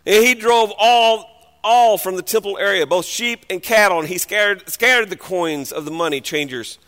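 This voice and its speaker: A man preaching a sermon and reading scripture aloud, dramatic, swinging between hushed passages and loud outbursts. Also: sits high, normal speed. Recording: long hall reverb.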